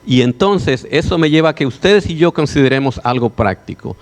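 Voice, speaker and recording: A man's voice: medium pitch, expressive, a little fast. A man preaching a sermon as pastor, putting rhetorical questions to his congregation. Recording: long hall reverb.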